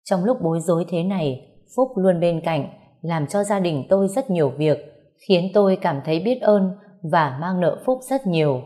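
A woman narrating a first-person ghost-story website tale in a measured, sorrowful way. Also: lowish voice, lively intonation, mellow.

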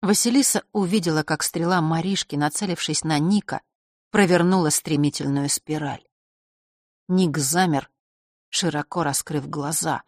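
A woman reading a fantasy audiobook as narrator, with expressive storytelling. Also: low voice, normal speed, dry recording, clean studio sound.

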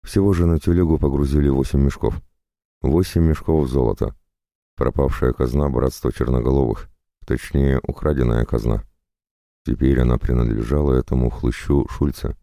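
Very deep gravelly male narrator. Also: fairly even intonation, moderate pace, mellow, no echo, studio quality. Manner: wry, conversational asides. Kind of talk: audiobook narration.

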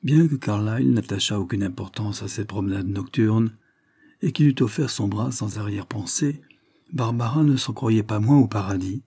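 A man narrating a classic novel in a steady, expressive way. His voice is low and dark, with a husky grain, recorded on a close mic in a dry space. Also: moderate pace, no echo. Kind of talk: audiobook narration.

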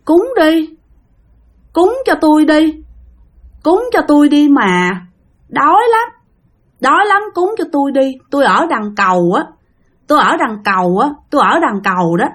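A woman's voice: high voice, expressive, normal speed, pauses often, voice pushed up. A woman voicing a pale, hungry teenage girl ghost who pleads over and over. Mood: pleading. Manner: pleading, repetitive, eerie.

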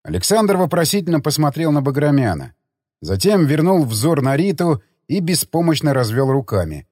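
A man reading an audiobook with expressive, dramatic narration. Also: on the high side, normal speed, dry recording, studio quality. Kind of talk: scripted narration.

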